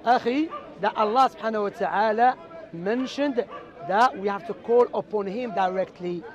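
A man, debating loudly and passionately outdoors on a lapel mic. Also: high-pitched, moderate pace, dull audio, some chatter behind. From Algeria. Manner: loud and passionate, insistent. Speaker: street debater. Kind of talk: heated street debate. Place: outdoor park among a crowd. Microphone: clip-on lapel mics.

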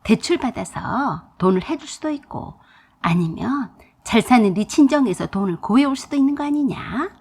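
A woman's voice: a little high, animated, normal speed, darkish tone, slight background noise. Woman doing a pushy older mother-in-law. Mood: coaxing. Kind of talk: storytelling.

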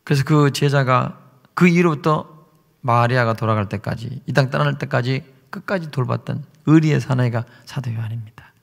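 A man's voice: mid-range voice, normal speed, vocal fry. A male pastor preaching a sermon, telling the story dramatically and acting out the quotes. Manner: animated storytelling, acts out quotes. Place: church sanctuary. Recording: long reverb in a large church hall.

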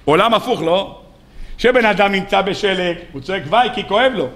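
A man, a rabbi, delivering a sermon and telling the story with lively rhetorical questions. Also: sits high.

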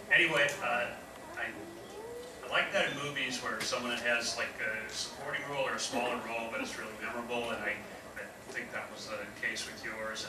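A man in a convention audience asking a panel a question, hesitant with many fillers. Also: mid-range voice. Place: large convention hall. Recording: echoey hall, far mic, loud noise.

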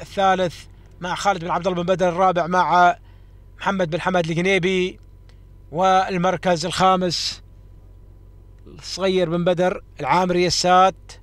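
A man giving live race commentary, calling out positions and repeating names and phrases quickly. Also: high voice, dry recording. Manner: fast, repeating names and phrases, rising excitement.

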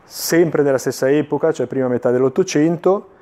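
A man presenting items in an unscripted infomercial style, explaining in a measured way with searching pauses and repetitions. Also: fairly high pitch, warm tone. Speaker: antiques dealer presenting items on a TV sales show. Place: indoor furniture showroom.

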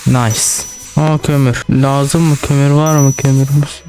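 A man giving casual let's-play commentary, excitable, swearing and talking straight to his viewers. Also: medium pitch, measured pace, soft background music. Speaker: gaming channel host.

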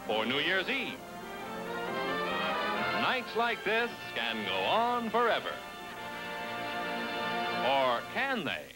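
A man voices old 1940s newsreel narration in a high, sprightly register with a swooping, animated delivery. His announcer manner stays brisk and chipper, and the narration sits over loud music.

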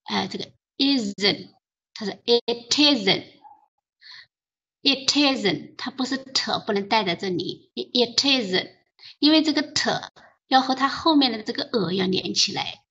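A woman's voice: a little high, fairly bright tone, slightly rough, highs cut off. A woman leading an online study group, explaining pronunciation patiently with many fillers over a voice call.

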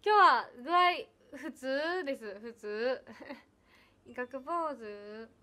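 Bright high-voiced young woman streamer. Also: takes it slowly. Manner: giggly, chatty, thanks viewers often. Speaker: idol livestreamer. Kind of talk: casual livestream chat reading comments.

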